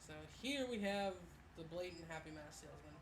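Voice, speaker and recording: A gamer talks casually through a playthrough in a medium-pitched voice. The commentary is informal, and noise is clearly audible in the recording. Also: expressive, fairly quick. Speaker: gamer, let's player.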